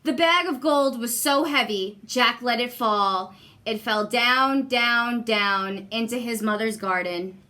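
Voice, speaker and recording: Reading a children's storybook as a guest, a woman narrates with expression in a bright, slightly high voice. Her pace is unhurried, and she stresses phrases deliberately for her young audience.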